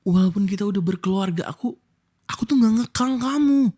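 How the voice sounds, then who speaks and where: A man's voice: high voice, brisk, mellow. A young Indonesian man in a whispered role-play as a husband, scolding his wife with hurt reproach.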